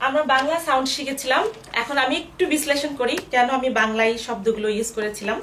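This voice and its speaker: A woman teaching a language lesson at a board, spelling words out slowly syllable by syllable. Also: high voice, a bit bright, a little hiss or hum. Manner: slow, syllable-by-syllable explaining. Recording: echoey room, voice from a distance.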